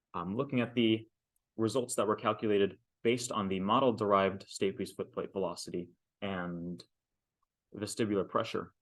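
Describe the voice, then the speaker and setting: A man in his twenties giving an academic technical presentation as a student, speaking carefully and hesitantly with frequent ums and pauses. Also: on the low side. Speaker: master's student presenting a thesis defense.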